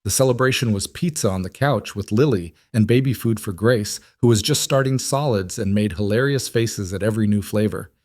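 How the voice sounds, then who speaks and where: A man narrating a fictional story in an even, measured storytelling manner. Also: fairly low pitch, dry recording.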